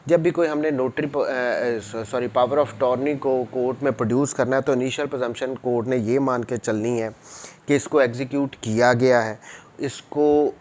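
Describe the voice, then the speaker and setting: A man with a Pakistani accent, working as a law lecturer, reads formal text aloud and explains it didactically while code-switching between Urdu and English. His mid-range voice is darkish, his intonation fairly even and his pace moderate, with slight background noise.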